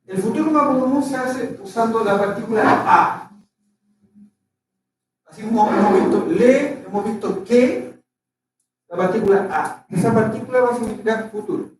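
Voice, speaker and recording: A man's voice: high-pitched, normal speed. A man teaching a language class, explaining patiently and often checking that his students follow. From Chile. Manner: patient, checks understanding with frequent "¿cierto?". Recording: echoey, distant from the mic, faint noise.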